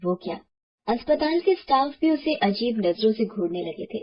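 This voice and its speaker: A woman narrating a bedtime moral story in a steady, scripted way. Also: fairly high pitch, moderate pace, lo-fi sound. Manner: steady, explanatory.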